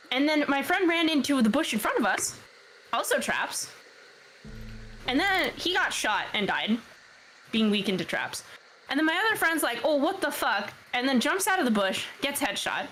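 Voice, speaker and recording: Animated high-voiced woman on voice chat. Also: moderate pace, a little hiss or hum, rough recording. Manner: animated storytelling, heavy swearing. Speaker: player in a group game session. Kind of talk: casual voice chat while gaming. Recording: game music playing behind.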